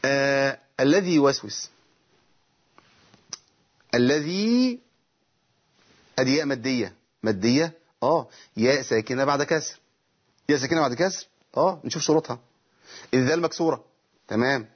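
A man's voice: medium pitch, quick pace, pauses often, breathy edge, muffled recording. A middle-aged man with an Egyptian accent teaching Quran recitation rules on a TV lesson. He asks himself questions and then answers them, breaking off to demonstrate recited verses. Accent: Egyptian Arabic.

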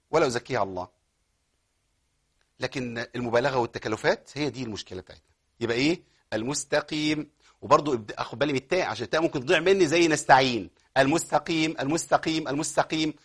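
A man with an Egyptian accent teaching Quran recitation rules. He explains common mistakes, then recites words slowly and repeats them. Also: medium pitch, breathy edge. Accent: Egyptian Arabic. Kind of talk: tajweed lesson with recited examples.

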